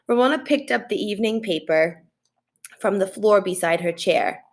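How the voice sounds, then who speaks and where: In a home room, a middle-aged woman sits at her computer reading a children's chapter book aloud like a teacher, picked up by a desk mic with webcam framing. Her pitch is medium and her delivery a little slow.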